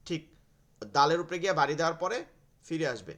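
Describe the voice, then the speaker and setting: A man's voice: on the high side, expressive, a little fast, fairly bright tone. Male teacher, online class over a video call, patient, models sounds repeatedly. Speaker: Quran teacher.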